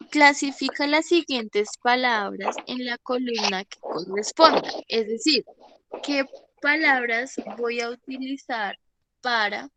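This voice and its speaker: A woman with a voice on the high side and a fairly bright tone teaches an English class online, explaining patiently. She often checks that students are following, frequently asking "¿listo?". The recording is dry.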